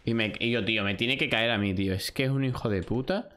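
A man's voice: medium pitch, quick pace, fairly bright tone. A young man from Spain streaming a shooter live, talking to himself and his chat and swearing at his losses. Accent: Spain Spanish. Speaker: gaming streamer. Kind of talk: live gameplay commentary.

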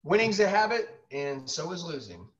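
A man's voice: on the high side, big pitch swings, normal speed, a loud crowd. A man speaking as a sales trainer and host, giving emphatic, punchy motivational coaching and repeating himself for effect. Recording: distant mic, dull lo-fi sound.

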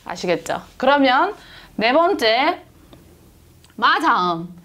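A woman teaching a language lesson, repeating each syllable slowly for drilling. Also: high-pitched, sing-song, fairly bright tone.

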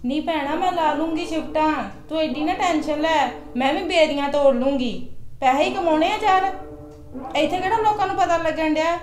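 A woman acting a sharp-tongued older mother-in-law in a family skit, scolding and nagging. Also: sits high, brisk, echoey room, natural voice. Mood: complaining. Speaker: actor in a family comedy skit.

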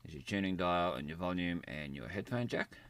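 Sitting indoors at a desk by a computer, this male gadget reviewer has a deep, expressive voice that's a bit bright and a little fast. His hands-on demonstration is casual, unscripted and plain-spoken, recorded with no echo.

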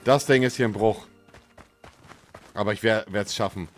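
A man in his thirties doing casual live gaming commentary into a close mic, with slangy swearing and frustrated exclamations, swinging between muttering and shouting. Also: on the low side, steady tone, moderate pace, faint music behind. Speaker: livestreamer playing a video game. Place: small dim indoor streaming room. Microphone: close studio microphone on arm, headset.

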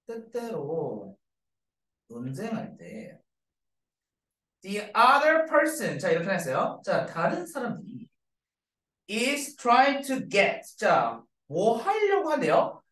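In a medium-pitched, somewhat bright voice, a teacher delivers an English grammar lesson to middle schoolers, repeating points and regularly checking in. It's captured from far away in an echoey room.

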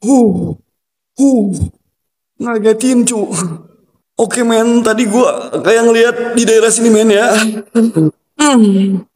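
High-voiced young man in an echoey hall. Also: little pitch movement, takes it slowly, darkish tone, a little hiss or hum. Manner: jumpy, startled outbursts and whispered invocations. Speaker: horror livestream explorer. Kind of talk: casual live-stream narration with chanted summons. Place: empty abandoned building indoors.

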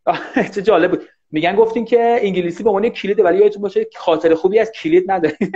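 A man teaching English in a casual live online class, talking fast and animated and often thanking viewers. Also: sits high. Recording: dull lo-fi livestream audio.

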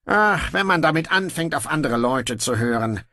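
A man voicing a weary, ruthless young king who talks in gruff, dry sarcasm. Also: on the high side, expressive, normal speed, sharp tone, dry recording, voice pushed up. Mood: sardonic.

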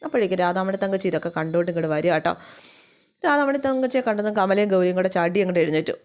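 A woman's voice: on the low side, animated, rapid-fire, a little mellow. A woman retelling a serial episode in a chatty, casual way. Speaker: storyteller reviewing a TV serial.

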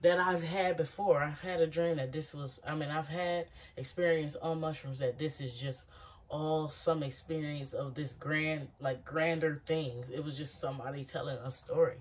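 A woman's voice: low voice, fairly even intonation, normal speed, recorded from a distance, a little hiss or hum. Woman vlogging while cooking, rambling. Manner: loose, rambling, reflective. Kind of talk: casual chat to camera while cooking. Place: small home kitchen. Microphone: phone camera propped on counter.

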